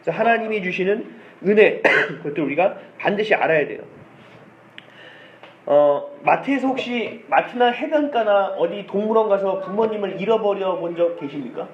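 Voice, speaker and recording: 높은 목소리의 남자 목사 설교. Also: male voice, high voice, lively intonation, moderate pace. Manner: storytelling with acted quotes and soft laughs. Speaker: pastor. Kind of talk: sermon. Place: church sanctuary. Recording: dull echoey church sound with faint hiss.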